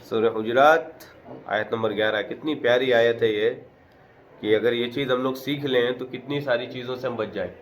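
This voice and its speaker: A man's voice: medium pitch, a little hiss or hum. A man teaching a Quran lesson, reciting short phrases in Arabic and then explaining each one in plain, conversational words with earnest, repetitive emphasis.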